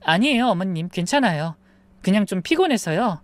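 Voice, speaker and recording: Woman reading as a tired young wife, soft and polite, dry close sound. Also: mid-range voice, big pitch swings, fairly quick, no room sound, natural voice. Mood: weary.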